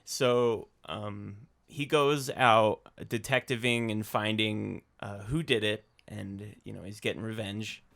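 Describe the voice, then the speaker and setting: A man's voice: lowish voice, fairly even intonation, slow pace, creaky, few pauses, fairly bright tone. Rambling, laughing male co-host. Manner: rambling, many fillers, laughing asides. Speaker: podcast co-host. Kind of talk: casual chat about movies.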